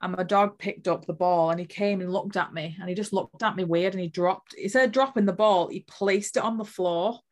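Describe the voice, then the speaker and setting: A woman's voice: mid-range voice, brisk, few pauses. A woman earnestly telling a personal spiritual story as an interview guest, emotional and full of fillers.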